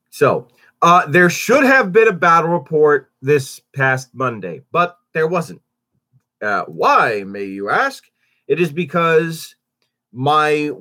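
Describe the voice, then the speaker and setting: A man hosting a casual morning update for his channel, sounding stuffy and under the weather, rambling with many fillers and restarts. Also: mid-range voice. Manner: animated, swoops up on greetings. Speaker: YouTube channel host.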